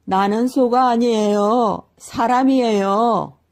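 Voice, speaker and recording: Lady reading as a lazy guy turned into an ox, higher pleading voice, slow, mellow. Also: animated. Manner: high, pleading, panicky exclamations.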